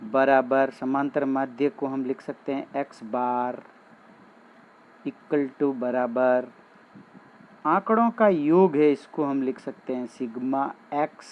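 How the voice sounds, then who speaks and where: A male maths teacher giving a classroom lesson, talking straight to his students and explaining each step. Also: mid-range voice. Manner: addresses students directly, slow and explanatory. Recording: dull lo-fi sound with faint background noise.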